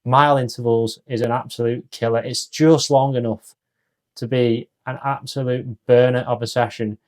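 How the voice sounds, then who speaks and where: A man with a medium-pitched voice talks casually to his viewers. He recaps in a colloquial, emphatic way, leaning on exaggeration. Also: flat delivery, moderate pace. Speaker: vlogger.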